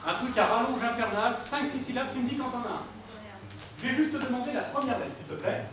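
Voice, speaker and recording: A man with a strikingly high voice performs a mentalism act, playfully teasing and joking with his volunteers. He sounds far from the mic in a very echoey hall, with audible room ambience behind him. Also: quick pace, crowd noise. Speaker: stage mentalist. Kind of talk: live stage performance with audience banter. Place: theater stage before an audience.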